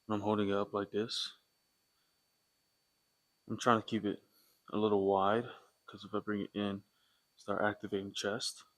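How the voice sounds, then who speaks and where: A man's voice: on the low side, flat delivery, normal speed, pauses often. A man giving casual, informal workout instruction in a gym, explaining as he demonstrates exercises. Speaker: fitness vlogger demonstrating exercises. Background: faint music.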